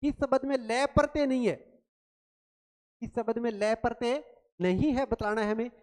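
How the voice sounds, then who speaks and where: A woman teaching a grammar quiz lesson, asking questions and answering them herself, repeating key words slowly. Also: a little high, a little mellow. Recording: long reverb, roomy sound.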